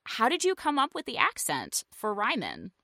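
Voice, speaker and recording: A bubbly woman hosts a chatty podcast, her voice swooping up and down as she talks. Her tone is bright and ringing, and the recording is close and dry. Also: on the high side, huge pitch swings, moderate pace, creaky, dry recording. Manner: bubbly and enthusiastic, laughs often. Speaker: podcast host. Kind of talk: conversational podcast hosting.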